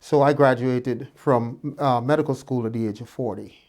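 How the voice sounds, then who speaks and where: In a darkish, medium-pitched voice at a moderate pace, a doctor in his fifties from Guyana recounts his life story to students. The telling is relaxed and reflective, with many fillers and restarts along the way.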